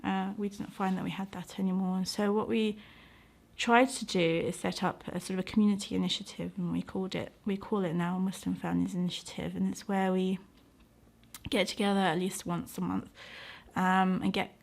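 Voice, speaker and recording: With a medium-pitched, creaky voice that barely moves in pitch, a middle-aged woman from the United Kingdom speaks a little fast. She is being interviewed as a doctor and community organiser, and her thoughtful, earnest reflections are marked by frequent hesitations as she gropes for words.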